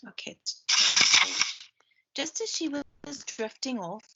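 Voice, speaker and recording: A primary school teacher with a high, lively voice reads a story aloud to children at a slow pace, chatting and explaining the pictures along the way. She's on a computer microphone, and the dull lo-fi screen-share recording is very noisy.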